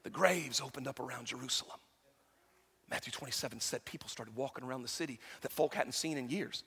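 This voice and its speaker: This is a preacher with a bright, husky, high-pitched voice. He talks folksy and plain, then climbs into shouted peaks. His sermon echoes with a long reverb through a large hall. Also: brisk. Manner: swings from soft asides to shouted climaxes; folksy, uses y'all. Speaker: pastor.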